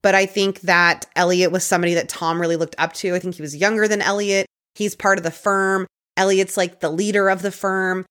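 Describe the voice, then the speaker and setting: A woman hosting a podcast, casually recounting a true-crime case with quick conversational asides. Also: medium pitch, fairly even intonation, fairly bright tone. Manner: conversational, quick asides, occasional put-on quotes. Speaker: podcast host telling a case.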